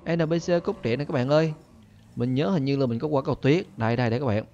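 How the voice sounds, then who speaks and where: A young man, chatty and laughing as he hosts an excited let's-play commentary. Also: medium pitch, quick pace. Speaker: gaming channel host. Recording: dull lo-fi recording.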